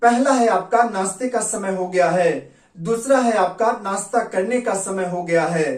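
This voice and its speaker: A woman gives a Hindi-language spoken English lesson, spelling out each example sentence slowly, twice over. Her voice sits in a roomy, echoing space and comes from some way off the mic. She has a mid-range voice and a patient teaching manner. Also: mid-range voice, a little mellow. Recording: roomy echo, distant mic.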